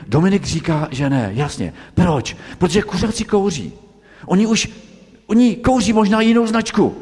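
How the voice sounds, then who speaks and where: A man giving a lively lecture to students, telling stories and firing rhetorical questions at the audience. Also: a little high. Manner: lively, engaging storyteller. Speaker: prevention lecturer. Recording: long hall reverb.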